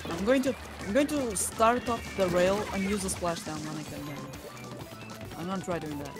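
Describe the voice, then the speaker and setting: High-voiced gamer guy narrating his plays. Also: moderate pace, faint music behind. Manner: chatty play-by-play of his own moves. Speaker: gamer on a live stream. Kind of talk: casual gaming chat.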